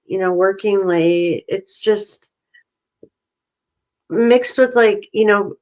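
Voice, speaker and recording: A woman's voice: medium pitch, slow pace. Chatty woman telling a story. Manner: animated storyteller, acts out phone calls. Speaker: podcast co-host. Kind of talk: casual chat.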